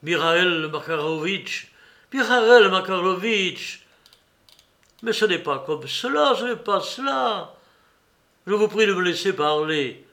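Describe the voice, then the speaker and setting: Man playing a self-important young magistrate, hurried, higher bright voice, audiobook. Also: lively intonation, heavily acted. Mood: exasperated. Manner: important yet rushed.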